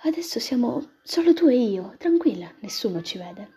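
A woman's voice: a little high, very animated, moderate pace, warm tone, voice pushed up. A woman voicing a smitten young male captain, earnest and eager, on a dull lo-fi recording.

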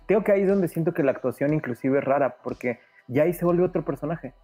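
Male podcast guest, mellow low tone, rambling, thinks aloud, faint music under. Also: animated, fast talker. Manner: talkative, thinks aloud with many fillers. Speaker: guest film commentator. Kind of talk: casual podcast discussion.

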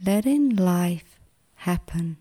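A woman serving as meditation guide leads relaxation in a sleep-story narrator's manner, soothing and gentle. Though her lowish voice is soft and sometimes breathy with long pauses, she sounds animated.

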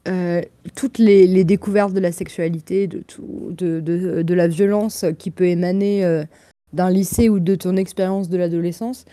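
A woman's voice: fairly low pitch, steady tone, normal speed, mellow, dry recording. Woman on a podcast, thinks as she talks, dry sound. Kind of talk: casual podcast chat.

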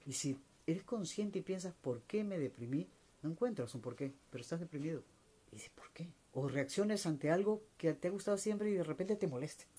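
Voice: mid-range voice, animated, a little fast, warm tone. A spiritual speaker answering viewer questions in a reflective talk, often asking rhetorical questions and acting out short everyday exchanges. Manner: asks rhetorical questions, acts out little everyday dialogues.

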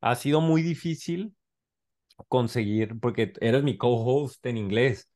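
A Mexican-accented man hosts a podcast as a relaxed conversation between friends. His voice sits at an ordinary middle pitch, and he rambles colloquially, packing in slang and fillers. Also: slow pace. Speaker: podcast host. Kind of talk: casual chat.

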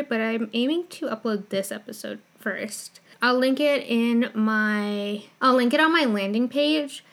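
A woman hosting a solo podcast in a fairly high voice with a clear lisp. She talks in a casual, chatty way, sprinkling in informal filler words like "like" as she goes. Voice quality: strong lisp. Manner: informal, filler-heavy with frequent "like". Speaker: podcast host.

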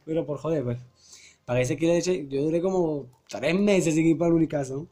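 A young Venezuelan man with a slightly higher voice tells a story in a podcast chat. He jokes the whole way through and mimics the people in it. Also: a little fast. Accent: Venezuelan Spanish. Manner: lively, joking, mimics people in his story. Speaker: podcast co-host.

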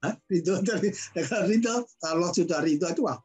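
Older man, husky, a rambling storyteller with fillers, for a panel-talk guest. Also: high-pitched, fairly quick, darkish tone, soft background music, low-quality recording. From Madura, Indonesia. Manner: discursive, digressive storyteller with frequent fillers and laughs. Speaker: guest speaker, language researcher.

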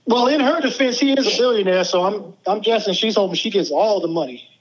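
Fast-talking man in his thirties joking. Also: high voice, lo-fi sound. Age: 30s. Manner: quick, joking banter. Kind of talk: casual chat.

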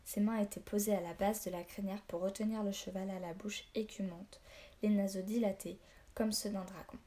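Mellow-voiced woman reading a novel aloud. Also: mid-range voice, normal speed. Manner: steady storytelling with small slips and rereads. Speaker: narrator.

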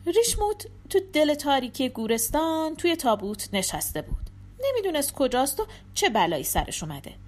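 A woman storyteller narrating a folktale in an expressive, dramatic reading. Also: sits high.

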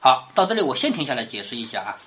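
Lively woman lecturing with rhetorical questions. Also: extremely low pitch, very fast. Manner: constantly asks rhetorical tag questions, drops her voice on them; conversational and lively, paraphrases in plain words. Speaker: lecturer on a classic novel. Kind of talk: explanatory lecture, retelling and glossing a text.

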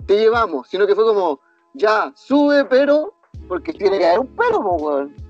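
Very high-voiced Chilean man. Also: big pitch swings, normal speed, dry recording, highs cut off, soft background music. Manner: slangy, joking, reacts with swearing. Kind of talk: casual chat.

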